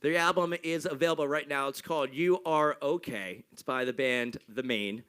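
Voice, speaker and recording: A man's voice: medium pitch, moderate pace, fairly bright tone, clear, resonant tone. A male music show host interviewing a band in a hyped, playful way. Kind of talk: casual interview chat.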